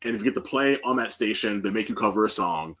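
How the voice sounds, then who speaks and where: A man hosting a casual music podcast, talking in a loose, profane and animated way into a podcast mic. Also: on the low side, quick pace. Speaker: podcast host.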